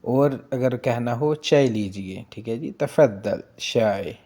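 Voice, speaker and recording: A man giving a casual spoken language lesson, going slowly and repeating each phrase with "ठीक है जी". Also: mid-range voice, dark tone. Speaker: language teacher.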